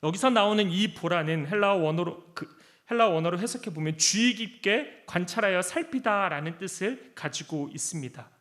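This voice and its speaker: A man preaching with great feeling, his voice sitting high and swinging widely as he acts out pleas and answers. He talks like a pastor who is speaking straight to his people. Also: lively intonation, normal speed, fairly bright tone. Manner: impassioned preaching, acting out pleas and God's replies. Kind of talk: sermon.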